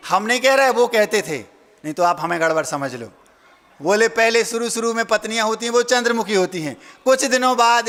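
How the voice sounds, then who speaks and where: A man's voice: high-pitched, fairly bright tone. A man, a monk preacher, giving a folksy storytelling sermon, acting out family voices and asking his listeners questions. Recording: hall reverb.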